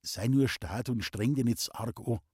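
A man voicing a young man with a Bavarian accent, speaking softly and reassuringly to a sick old man. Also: medium pitch, a little slow, husky, no room sound, studio quality. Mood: hushed, caring. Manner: soft, hushed, reassuring.

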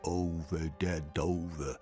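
Grumbling old troll father, deep and gruff, read by a male narrator. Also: little pitch movement, drawn-out words, warm tone, faint music behind.

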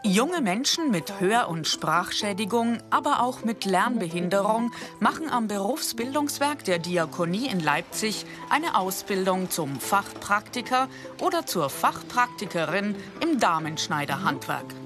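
Woman narrating a doc, calm and clear, faint music underneath. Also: medium pitch, measured pace. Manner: calm, informative. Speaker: documentary narrator. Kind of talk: scripted narration.

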